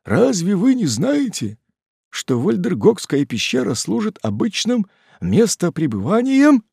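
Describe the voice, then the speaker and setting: A man reading an audiobook, putting on an excitable, superstitious old fisherman who exclaims a lot. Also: high voice, a little slow, vocal fry, breathy edge, no echo, clean studio sound, pitched above the performer's own voice, heavily acted. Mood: hushed, confiding.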